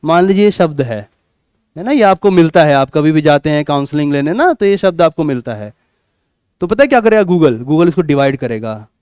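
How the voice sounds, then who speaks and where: A man teaching a class, lively, asking questions and answering them himself. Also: a little high, fairly quick, smooth, dry recording, studio quality. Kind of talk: classroom lecture.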